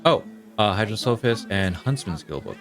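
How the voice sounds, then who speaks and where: A man with a low voice gives casual commentary on a video game. He mutters and thinks aloud, with faint music playing behind him. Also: expressive, moderate pace.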